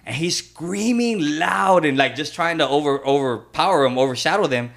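A man's voice: on the high side, expressive, normal speed, creaky, a bit bright. A man co-hosting a casual podcast, telling anecdotes in a colloquial, rambling way. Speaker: podcast co-host.

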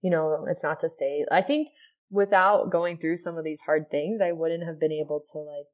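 A soft-spoken woman from Ohio with a low voice appears as a podcast guest; she teaches yoga and sound healing. She shares her story in an earnest, reflective way at a normal pace and with fairly even intonation, often filling her speech with "like" and "you know."

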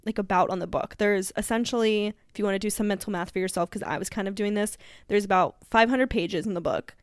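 A woman's voice: mid-range voice, fast talker, no room sound, studio quality. A woman co-hosting a podcast in casual chat, talking with lots of fillers and laughs. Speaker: podcast co-host.

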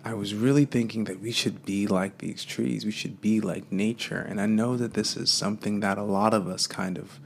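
A man with a low, gravelly voice talks through a spiritual reflection in a loose, rambling way, leaning on fillers. A faint hiss sits under the recording. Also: steady tone, normal speed, few pauses. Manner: casual, meandering, with many fillers.

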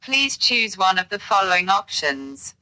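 Bright, stilted woman playing a female voice assistant. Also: mid-range voice, measured pace, poor audio. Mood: stiffly polite. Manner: stilted, formal, deadpan. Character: fed-up, insulting female AI voice assistant. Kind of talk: automated menu announcements.

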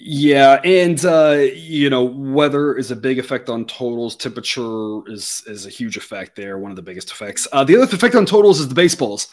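A man's voice: mid-range voice, expressive, fairly quick, few pauses. A man hosting a sports betting show in a conversational, wordy, explanatory way.

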